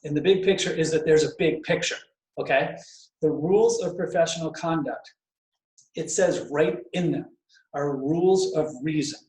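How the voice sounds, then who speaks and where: A chatty man talks through an ethics presentation from his home garage. His voice sits a bit high for a man. The bare room adds a strong echo, and he wanders off on easy digressions. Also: moderate pace, a little mellow. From Vermont. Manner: chatty, digressive, says he tends to ramble. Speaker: bar counsel giving an ethics presentation. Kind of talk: casual spoken presentation. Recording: echoey garage.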